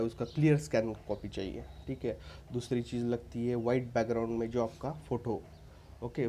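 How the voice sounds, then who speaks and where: Speaking to viewers with a warm, mid-range voice, this man offers practical visa tips informally, pressing his points earnestly. Frequent restarts and a habitual "ठीक है" ("okay") mark his speech, with slight background noise behind him.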